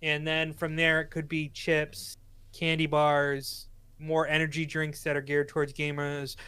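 A man's voice: a little high, monotone, a little slow, pushed and bright, clear, resonant tone, dry recording. A man with a Boston accent co-hosting a casual podcast, rambling through announcements and correcting himself as he goes. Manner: rambling, promotional, self-correcting. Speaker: podcast co-host.

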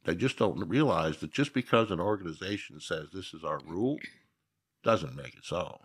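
An older man from Minnesota, a guest telling a story in a casual, animated way, laughing as he goes. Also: low-pitched, normal speed, breathy edge.

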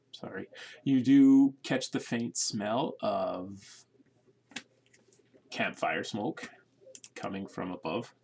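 A man narrating as game master in a casual, halting way, with restarts. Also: on the low side, vocal fry, a little mellow, slight background noise.

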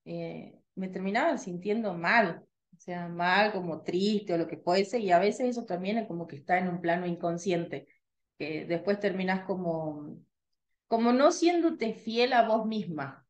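A woman in her thirties from Tucumán co-hosts a casual radio podcast, chatting in a lively way with trained, clear articulation and a slightly softened Tucumán Argentine Spanish accent. Her pitch is fairly low, her pace measured, and the sound lo-fi.

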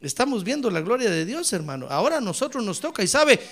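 Fiery high-voiced pastor shouting praise. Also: male voice, very animated, fast talker. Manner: swings from quiet asides to shouted exclamations. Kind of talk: fiery Pentecostal sermon. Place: church.

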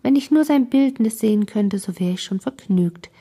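A woman voicing a capricious, imperious young noblewoman in an audiobook, with a breathy, mellow voice. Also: animated, moderate pace. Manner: bossy, wheedling, high-spirited. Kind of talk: audiobook character reading.

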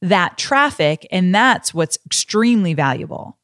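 A woman's voice: lowish voice, lively intonation, unhurried, fairly bright tone, no room sound, studio quality. A woman hosting a podcast, chatting with her guest in a friendly, casual way and reflecting on what he has told her. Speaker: podcast host. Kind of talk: casual interview chat.

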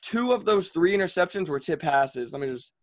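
A man's voice: on the high side, lively intonation, brisk, dry recording, studio quality. A young man co-hosting a sports podcast, ranting in an exasperated, sarcastic way. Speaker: podcast co-host. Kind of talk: casual sports podcast chat.

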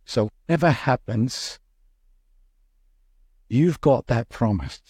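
A young adult male pastor preaching a sermon in an animated, quick way, with restarts and acted-out quotes. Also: medium pitch, husky, no echo, clean studio sound.

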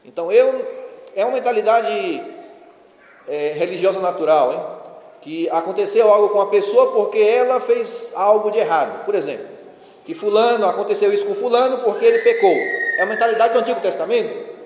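A parish priest gives a sermon in a conversational, ironic way, urging his congregation on. His voice is high, brisk and a little mellow. The recording is muffled, captured in an echoey church with long reverb.

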